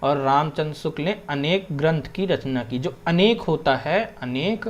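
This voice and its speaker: Young man, exam-prep teacher, casual explaining, checks in often, slightly high voice. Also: moderate pace. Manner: conversational, keeps checking in with "theek hai"; mixes English words into Hindi.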